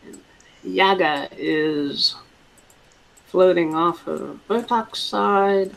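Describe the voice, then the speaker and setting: A game master narrating a tabletop game in a halting way, with many fillers and restarts. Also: medium pitch, vocal fry, poor audio.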